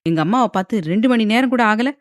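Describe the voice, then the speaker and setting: A woman narrator voicing an arrogant young husband who taunts, threatens and shouts at his wife in an audiobook romance. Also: on the high side, quick pace, no room sound, studio quality, lightly acted. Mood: angry. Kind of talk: audiobook character voice.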